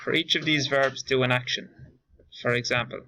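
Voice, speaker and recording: A man teaching a class, slowly and carefully drilling verb forms. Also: mid-range voice, fairly even intonation, pushed and bright, low-quality recording. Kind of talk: classroom lesson recording.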